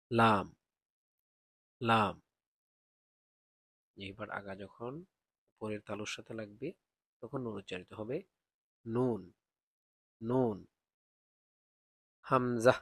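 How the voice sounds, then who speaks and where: A man teaching Quran reading, explaining where each Arabic letter is sounded and drilling it aloud, often louder on the repeats. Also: on the low side, breathy edge, dry recording. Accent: Bangladeshi Bengali. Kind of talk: slow pronunciation lesson.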